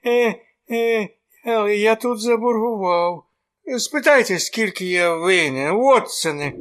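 A man's voice: high voice, unhurried, fairly bright tone, slight background noise. An actor playing a dazed, rambling male opium addict in a radio play, slurring and giggling.

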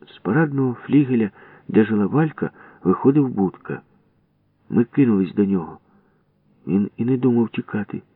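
A man's voice: on the low side, animated, moderate pace, no room sound. A man reading a first-person children's story aloud expressively, on a distant, tinny radio recording. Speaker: reader.

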